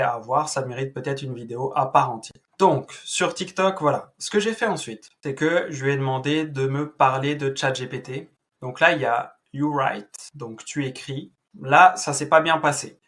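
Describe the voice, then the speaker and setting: Male tech host, casual screen-demo voice-over, chatty and hesitant, mid pitch. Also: fairly bright tone. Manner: chatty, hesitant, with many fillers and restarts. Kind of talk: casual screen-recorded walkthrough.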